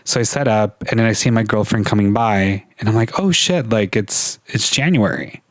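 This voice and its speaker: A man co-hosting a podcast, telling stories in an animated way and swearing freely, with his mic set a little too far from him. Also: moderate pace, no room sound, clean studio sound. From California. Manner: animated storyteller, swears freely, high-pitched when quoting others. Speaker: podcast co-host. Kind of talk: casual chat.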